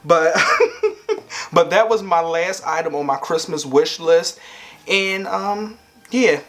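A man's voice: on the high side, takes it slowly. A young man in his twenties chatting playfully to camera at home, laughing often. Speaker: vlogger. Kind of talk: casual chat to camera.

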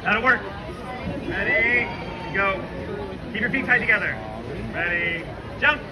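A man's voice: high voice, a little slow, poor audio. A man hosting a live outdoor comedy trick show, giving joking, sardonic patter to the audience. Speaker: street show performer and host. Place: outdoor fair show ground, filmed from the crowd. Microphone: camera in the audience, at a distance. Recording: outdoor crowd noise, recorded from the audience.

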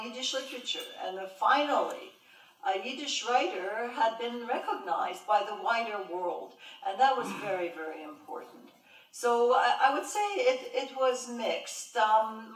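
During the Q&A after her talk, a professor and translator from Montreal, an older woman with a slightly high voice, answers the audience thoughtfully, with lots of fillers. Her podium microphone picks her up from afar, giving a roomy hall sound in the large lecture room.

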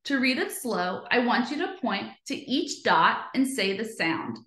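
Bright-voiced woman teaching phonics. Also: a little high, very animated, reverberant. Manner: slow, clearly sounded-out letter sounds; cheerful and encouraging. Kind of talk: children's phonics lesson.

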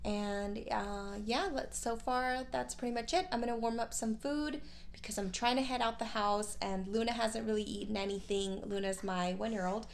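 A woman in her thirties, a mom and vlogger, chats casually to her phone camera held at arm's length, at home and in the car, rambling with fillers and little laughs. Her voice is on the high side, creaky, and steady at normal speed, with slight background noise.

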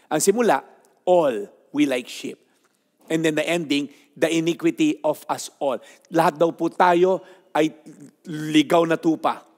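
A Filipino-accented pastor in his fifties giving an animated, emphatic devotional talk, seated on a sofa with a clip-on mic. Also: a little high, long reverb tail. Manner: animated, code-switching, emphatic. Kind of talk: devotional teaching. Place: studio set styled as a living room, on a sofa.

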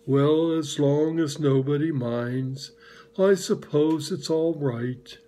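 Eeyore, a man doing a slow, gloomy donkey. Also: a little high, mellow. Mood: mournful. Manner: slow, sorrowful drawl.

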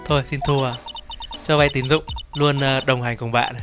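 A man streaming a game in casual chat, reading the dialogue aloud in playful voices, excitable and quick to swear and laugh between lines. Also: mid-range voice. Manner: reads each character's lines in playful voices and comments between them. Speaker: gameplay streamer. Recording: game music behind the voice.

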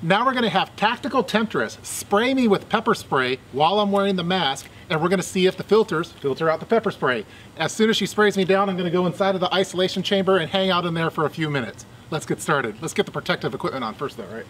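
A man's voice: sits high, animated, fast talker, fairly bright tone, a little hiss or hum. A man, presenting a product review as its host. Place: hedged backyard, outdoors.

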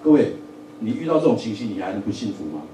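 A man teaching a Bible lesson in a church Sunday school, lively, often asking the audience questions and joking. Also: fairly low pitch, fast talker, a little hiss or hum. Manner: lively, asks the audience questions, repeats words, jokes. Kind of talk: sermon-style Bible lesson. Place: church hall. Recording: echoey room from a distance, faint ambience.

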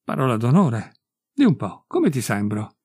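A man's voice: mid-range voice, huge pitch swings, moderate pace, darkish tone, husky, no echo, studio quality. A man voicing a timid, fussy male friend who is vain about his looks and speaks hesitantly. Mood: eager.

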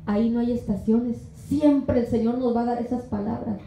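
A woman preaching a sermon at a women's conference in a church hall, animated and often acting out the voices she quotes. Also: fairly high pitch, moderate pace, slight background noise. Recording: echoey room.

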